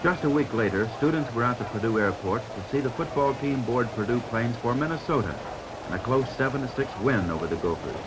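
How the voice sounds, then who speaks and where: An American man reads scripted 1950s newsreel narration in a medium-pitched, expressive voice at a brisk clip. The soundtrack carries background music and is very noisy.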